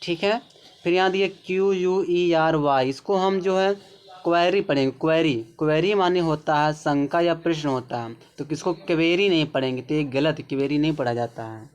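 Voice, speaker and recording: A man with a Hindi accent teaching English pronunciation, explaining slowly and repeating words, often checking in with the viewer. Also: on the high side, clear, resonant tone, dull audio.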